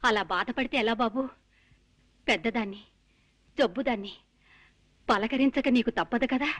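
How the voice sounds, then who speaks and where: A woman's voice: on the high side, moderate pace, close to an everyday voice. A woman playing a fussy old mother who can't hear. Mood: complaining. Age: older. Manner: complaining, fussy. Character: sickly old mother who claims deafness. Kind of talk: film comedy dialogue.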